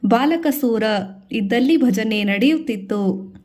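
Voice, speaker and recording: A woman narrating a devotional story from a script, lifting her voice for the characters' lines. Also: slow pace. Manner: expressive, voices characters' lines with a raised pitch.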